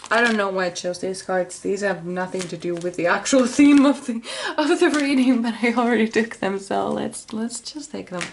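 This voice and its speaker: A tarot reader, a native Finnish speaker with a Finnish accent, gives a casual reading to camera in a medium-pitched voice at normal speed. She rambles, corrects herself, and keeps apologizing, with slight background noise present.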